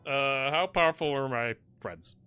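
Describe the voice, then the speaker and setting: A man giving animated live gameplay commentary as a streamer, who keeps addressing his viewers as friends. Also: medium pitch, moderate pace, clear, resonant tone, no room sound, faint music behind. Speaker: gaming streamer.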